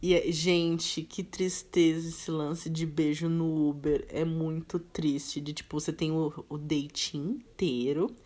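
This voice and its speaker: A woman's voice: sits low, slow pace, few pauses. A young woman, chatting casually and using slang while she jokes at her own expense. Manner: relaxed, slangy, self-deprecating. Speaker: podcast co-host. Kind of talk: casual chat.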